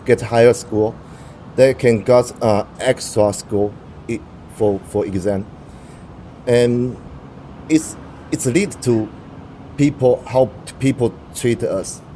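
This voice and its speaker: A young Taiwanese native speaker of Mandarin Chinese answers interview questions in English, stopping frequently to search for words and restart his phrasing. His voice is medium-pitched with a dark tone. The recording is low quality and carries slight background noise.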